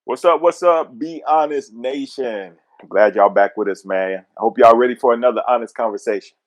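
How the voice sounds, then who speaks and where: A man's voice: mid-range voice, moderate pace. A man from Atlanta co-hosting a casual podcast, sharing opinions in an easygoing way. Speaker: co-host.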